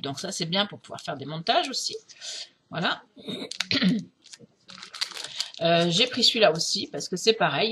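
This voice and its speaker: A woman's voice: fairly low pitch, pushed and bright, a little hiss or hum. A middle-aged woman from France chatting casually through a craft haul, hesitant, with many fillers and restarts. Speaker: craft vlogger.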